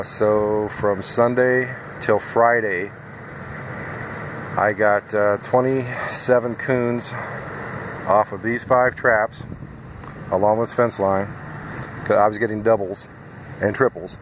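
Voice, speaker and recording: A man with a somewhat low voice speaks at an unhurried, drawn-out pace, walking a fence line outdoors. He is plain-spoken and folksy, chatting directly to viewers about trapping. The phone recording carries a clear, steady background noise. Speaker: nuisance wildlife trapper. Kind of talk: casual outdoor video walkthrough. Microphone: handheld phone camera.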